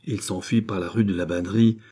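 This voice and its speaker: A man narrating a classic novel as an audiobook in a measured, dramatic reading. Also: deep voice, fairly even intonation, warm tone, breathy edge.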